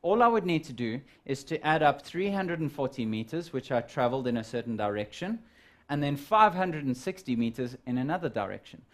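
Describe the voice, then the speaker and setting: A man's voice: medium pitch, expressive, fairly quick. A man teaching a live physical sciences lesson, walking students through measurements and calculations and calling them "guys". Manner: step-by-step explaining, addresses students as guys.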